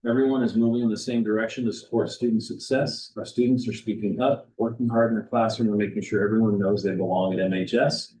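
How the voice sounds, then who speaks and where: A man giving a school board report, reading principals' feedback aloud in a steady manner. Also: lowish voice, fast, hardly any pauses, poor audio. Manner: steady, reads quotes aloud.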